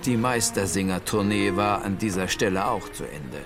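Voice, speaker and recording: A man voicing an old male owl who tells his own adventure in a playful, lively children's audiobook style. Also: deep voice, moderate pace. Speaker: first-person storyteller. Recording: music playing under the voice. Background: music.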